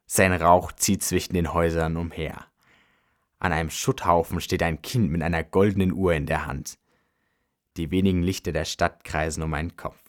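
Deep-voiced man reading a dark story. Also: steady tone. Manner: slow, brooding first-person reading. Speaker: narrator. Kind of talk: dark literary story narration.

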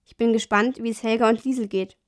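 A woman reading the part of a worn-out father back from captivity, speaking quietly and hesitantly. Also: a little high, steady tone, fast, natural voice. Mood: moved. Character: gaunt father home from captivity, moved.

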